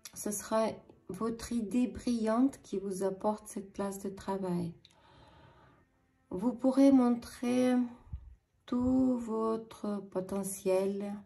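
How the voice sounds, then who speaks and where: Femme à l'ukrainien, lente et grave. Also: female voice, mid-range voice, mellow. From Ukraine. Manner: slow and earnest, some words half-whispered. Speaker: tarot reader. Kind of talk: tarot reading for viewers.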